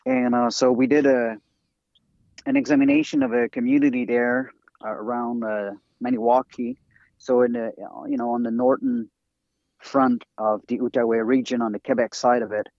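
French-accented man, native French, interview guest, halting delivery full of "uh"s, dry dull lo-fi recording. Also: mid-range voice, big pitch swings, vocal fry, darkish tone, no echo. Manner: halting, many fillers and restarts. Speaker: guest researcher and author. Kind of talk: interview talk over a call.

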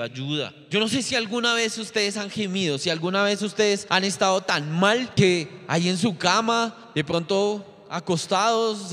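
A man's voice: fairly high pitch, a bit bright, big-room sound. A man preaching as a pastor, earnest and pleading, repeating phrases for emphasis. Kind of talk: sermon.

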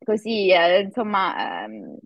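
A woman in her thirties, an actress and acting coach, telling a story in a lively podcast chat, full of fillers. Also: lowish voice, slow pace, vocal fry, lo-fi sound. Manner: animated storytelling with many fillers. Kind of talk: casual podcast conversation.

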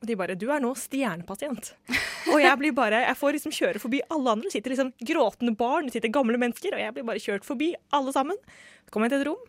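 A young woman from Norway with a fairly high voice tells a story in casual chat. She acts out the voices of the people in it. The sound is close and dry, with no room echo. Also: animated.

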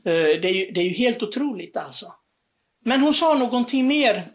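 Earnest, halting religious storyteller. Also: mid-range voice. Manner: earnest, animated retelling with many restarts and hesitations.

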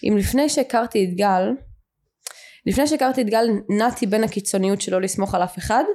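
A woman with a mellow, warm voice at an ordinary pitch, hosting a podcast and telling personal stories with open feeling. She talks frankly and with emotion, in a candid sit-down conversation. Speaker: podcast host.

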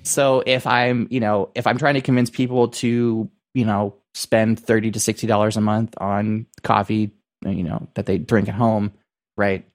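A man co-hosting a casual business podcast, talking in a halting, circling way full of filler phrases. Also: lowish voice, little pitch movement. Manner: halting, circling phrasing with repeated "you know" and "like". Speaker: podcast co-host.

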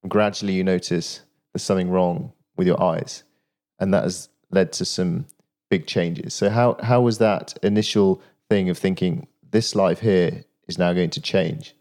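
Casting: low-voiced male interviewer, thoughtful and measured. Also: fairly even intonation, darkish tone. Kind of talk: reflective conversational interview.

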